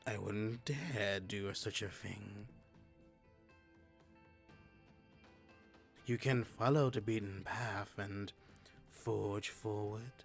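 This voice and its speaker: A man voicing a sly, courtly skeleton guide of the dead, in a slow, hushed, insinuating murmur. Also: lowish voice, creaky, soft background music. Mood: hushed, ominous.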